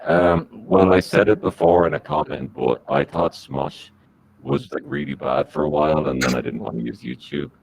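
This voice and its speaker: A man speaking through a disguised deep voice as a podcast guest, giving rambling, halting answers. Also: huge pitch swings, creaky, a little mellow, slight background noise, poor audio. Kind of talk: comic podcast interview.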